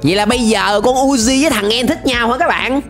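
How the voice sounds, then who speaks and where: Excited and exclamatory, a young adult man with a Southern Vietnamese accent hosts a reaction video, his pitch extremely high and his pace fairly quick. His manner is animated throughout. He's recorded on a close desk microphone in an indoor room with a gaming setup, with music and a cartoon soundtrack in the background.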